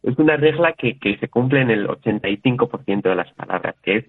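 A Spanish man is a guest on a casual interview, talking freely with lots of restarts and small bits of quoted dialogue. His voice is mid-range, husky and animated, and he speaks quickly. The line sounds thin and tinny, like a phone call.

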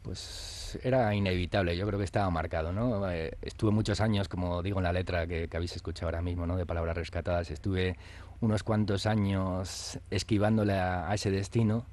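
Deep-voiced singer-songwriter guest. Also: male voice, steady tone, brisk, a little mellow. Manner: reflective, often ends phrases with a questioning tag. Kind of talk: radio interview.

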